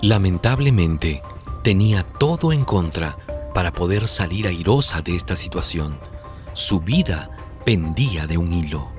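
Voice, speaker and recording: Deep guy narrating a documentary, lively pitch, measured and solemn, music clearly under him.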